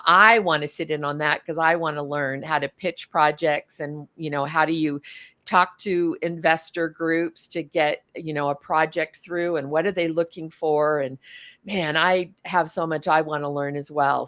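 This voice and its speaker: A woman hosts a casual online talk show, gushing and full of ums. Her voice sits a little low and the sound is dry and close, with no room in it. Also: a bit bright, no echo. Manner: chatty, effusive, many fillers. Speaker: host.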